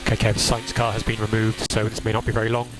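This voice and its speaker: Over noisy motor racing team radio, a man in a lowish voice talks quickly with a completely flat delivery through his headset. As race engineer, he issues terse procedural instructions and repeats the important calls amid loud engine and track noise.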